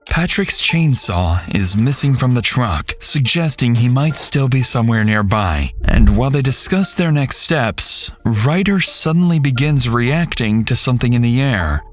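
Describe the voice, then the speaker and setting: A man reading scripted true-crime documentary narration in a dramatic, suspense-building manner. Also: mid-range voice.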